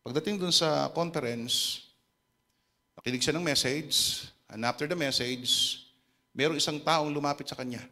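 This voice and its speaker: A man with a Filipino accent preaching a sermon, telling a story dramatically and dropping to a hush for quoted lines. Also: fairly high pitch, moderate pace.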